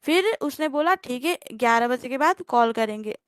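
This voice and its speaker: A woman's voice: high voice, lively intonation, normal speed, no room sound, studio quality. A young woman telling her story on a livestream call, rambling and hesitant, with many fillers and restarts.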